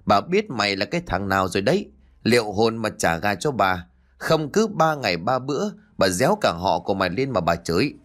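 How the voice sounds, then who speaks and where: A man putting on a scolding, foul-mouthed village matriarch, cursing in long sharp tirades, low voice, lively swings in pitch. She spits out every line with cold venom, a harsh storybook shrew. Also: a little fast.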